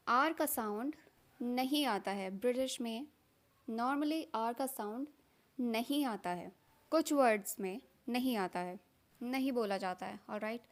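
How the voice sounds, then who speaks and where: A young woman teaches pronunciation in a slow, deliberate way. She repeats each word and checks with "okay?". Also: sits high. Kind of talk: Hindi-language lesson with English example words.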